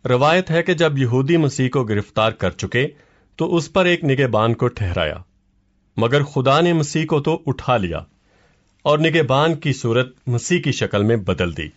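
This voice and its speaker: A man's voice: medium pitch, natural voice. A young man playing a nephew who questions and retells stories in a scripted dialogue drama. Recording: muffled lo-fi audio.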